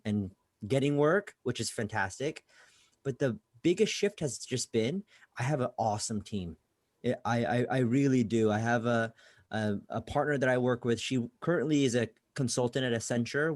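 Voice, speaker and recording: A man from Bangladesh who grew up in California, chatting casually as a podcast guest. He speaks at a mid pitch, stumbles and repeats words as he gets going, and the recording is close and dry. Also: no echo. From Bangladesh, raised in California. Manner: casual, repeats words when starting sentences. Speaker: guest, career coach. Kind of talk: conversational podcast interview.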